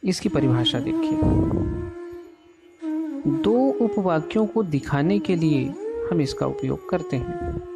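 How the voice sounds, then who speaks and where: A male teacher gives a recorded grammar lesson to children, moving through definitions and examples in an unhurried way. His pitch rises and falls a lot as he explains. Loud flute music plays under his voice the whole time. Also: wildly swooping pitch, vocal fry.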